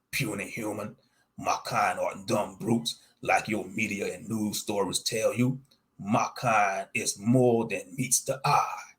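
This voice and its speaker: A man voicing a blunt, teasing, hairy Sasquatch with slow, drawn-out, bellowing talk in a narrated monster story. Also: fairly low pitch. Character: hairy male Sasquatch creature, blunt, teasing, tea-loving.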